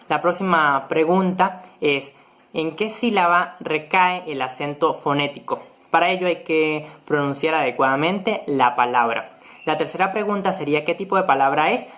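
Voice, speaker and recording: A presenter giving a virtual lesson on spelling rules in a measured, methodical way, pausing now and then on short fillers. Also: medium pitch, fairly bright tone. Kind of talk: explanatory lecture, partly read.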